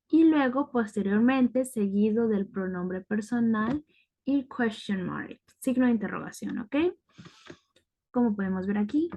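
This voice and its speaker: A woman's voice: on the high side, darkish tone. A woman teaching a grammar lesson, patient and methodical, often checking in with the class. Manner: patient, repeats "ok" to check understanding. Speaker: English teacher.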